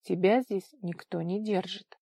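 A woman reading an audiobook voices a calm, stern young man who speaks firmly and evenly. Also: mid-range voice, a little slow, vocal fry, no room sound, studio quality. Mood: cold. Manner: calm, firm, level.

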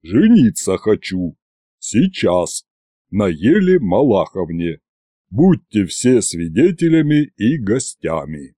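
A male reader puts on a big, shy duke with a deep, booming bass. He speaks slowly and haltingly in a low, mellow voice, close and dry. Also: sing-song, no room sound, exaggerated voice. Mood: flustered. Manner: slow, halting.

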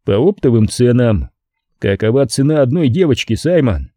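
A man's voice: mid-range voice, lively intonation, moderate pace, warm tone, dry recording, clean studio sound, natural voice. A man voicing a cold, ruthless vigilante who speaks in terse threats. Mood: cold threatening.

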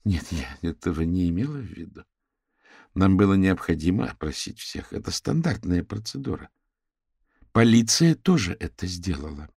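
A man voicing a retired woman amateur detective who speaks in a measured, patient way in an audiobook. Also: deep voice, sing-song, gravelly, a little mellow, husky, dry recording, studio quality, full character voice.

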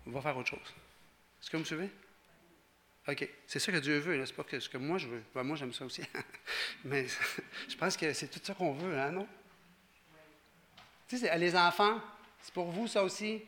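A man with a Quebec French accent preaching a conversational, animated sermon and acting out the people he quotes. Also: a little high, normal speed, pauses often, a little hiss or hum. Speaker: pastor.

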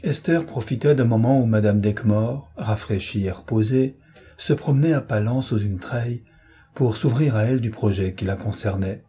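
A man reading a novel aloud as audiobook narrator, in a measured, even literary manner, with a husky voice. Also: on the low side. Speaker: audiobook reader.

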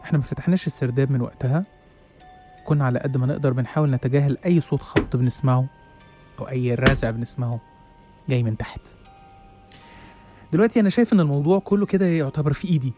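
A young adult man with an Egyptian accent dramatically narrates a first-person horror story, with hesitant restarts. His mellow, mid-range voice comes out rapid-fire with frequent pauses, and faint music plays behind him.

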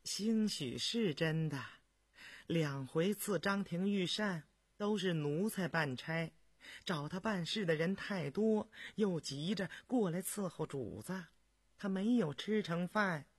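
A man's voice: sits high, takes it slowly, slightly rough, no room sound, voice pushed up, full character voice. A man voicing a deferential palace eunuch who explains himself humbly. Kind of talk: storytelling radio reading.

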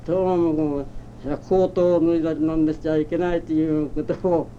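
Muffled, very mellow elderly man reminiscing. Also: a little high, level tone. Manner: rambling, halting storytelling with old-fashioned rustic speech. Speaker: oral history interviewee. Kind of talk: reminiscing in a personal narrative. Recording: muffled, dull old tape with faint hiss. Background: faint background noise.

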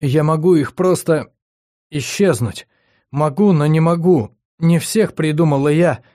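A man's voice: on the high side, measured pace, mellow, pitched above the performer's own voice, lightly acted. A man reading an audiobook, voicing a cheerful but stubborn young woman patient in a raised, pleading voice. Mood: frightened, pleading.

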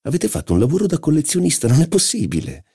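Man doing a haughty duchess, sarcastic drawl, high put-on voice, husky. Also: huge pitch swings, quick pace, mellow, heavily acted. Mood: mocking. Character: haughty, insolent aristocratic duchess, mocking. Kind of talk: audiobook character voice.

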